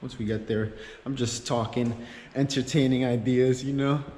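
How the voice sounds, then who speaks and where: A man's voice: mid-range voice, moderate pace, slight background noise. Man vlogging in a heavily echoing space. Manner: excited, rambling, slangy. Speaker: YouTube car-channel host. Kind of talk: casual vlog walkthrough. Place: large, echoey indoor garage workshop. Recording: very echoey, reverberant empty workshop.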